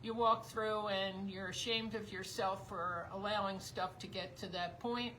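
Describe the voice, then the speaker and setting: A woman chats her way through a live craft stream, her voice bright and a touch tense. She rambles and teases her husband with little laughs, and her voice is slightly giving out. A faint hum sits behind her. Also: mid-range voice, steady tone, unhurried, poor audio. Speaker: craft show co-host. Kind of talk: casual live-stream chat. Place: basement tavern room of a house.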